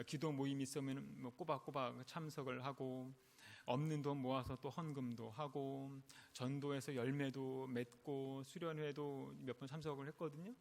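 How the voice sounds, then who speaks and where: A man, a pastor, preaching a sermon with earnest storytelling and rising, emphatic stresses. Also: mid-range voice. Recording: long reverb of a large hall.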